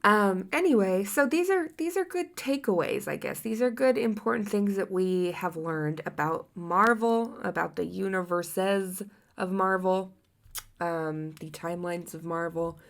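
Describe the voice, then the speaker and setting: A woman's voice: medium pitch, lively intonation, unhurried, creaky. A sleepy woman co-hosting a podcast in casual chat. She asks curious questions and fills her sentences with little fillers. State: sleepy, yawning. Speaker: podcast co-host.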